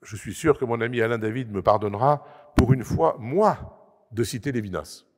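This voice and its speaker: A man's voice: mid-range voice, moderate pace. A man giving an explanatory talk at a conference panel, emphatic, with frequent hesitations and restarts. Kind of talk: lecture-style talk to an audience. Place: assembly hall. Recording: long reverb of a large hall.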